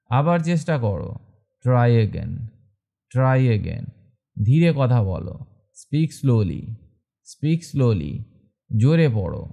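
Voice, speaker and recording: A man teaching English, reading short phrases slowly and repeating each one twice. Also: mid-range voice, mellow. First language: Bengali. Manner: slow, deliberate drilling of short phrases.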